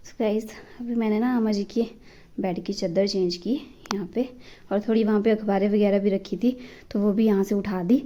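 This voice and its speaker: A young woman from Himachal Pradesh chatting warmly to her viewers in a casual home vlog, recorded on a phone indoors. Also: medium pitch, steady tone, normal speed, low-quality recording. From Himachal Pradesh, India. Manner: chatty and affectionate, talking to the viewers while doing chores. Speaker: vlogger.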